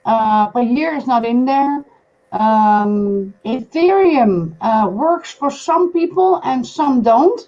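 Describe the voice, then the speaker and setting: A woman's voice: a little high, expressive, takes it slowly, muffled recording. A woman hosting a casual live-stream chat over a video call, asking guests questions and advising viewers. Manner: guiding, asks questions, gives advice to viewers.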